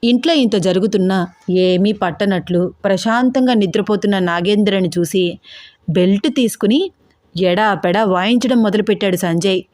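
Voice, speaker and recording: Woman narrator, storybook reading, dramatic, steady, dry close sound. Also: medium pitch, moderate pace, no echo.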